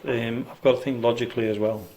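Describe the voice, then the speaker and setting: A man leading a ghost hunt in a dark cellar, coaxing spirits to come forward and chatting about what he feels. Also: mid-range voice, fairly even intonation, fast talker, a little hiss or hum. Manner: coaxing, gentle, chatty asides. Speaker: paranormal investigator.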